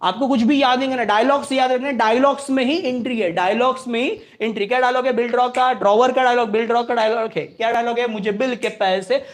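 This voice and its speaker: A man's voice: extremely high pitch, steady tone, quick pace, hardly any pauses. A man with an Indian accent teaching accounts, drilling students with question-and-answer repetition and mixing English terms into his speech. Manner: mixes English terms into Hindi. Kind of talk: classroom lecture.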